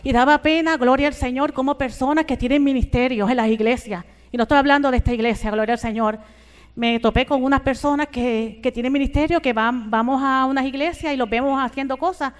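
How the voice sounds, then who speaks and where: A woman's voice: high voice, fairly even intonation, brisk, smooth. An older Puerto Rican woman preaching a sermon, who fills every phrase with fervent church exclamations and asks her listeners for agreement.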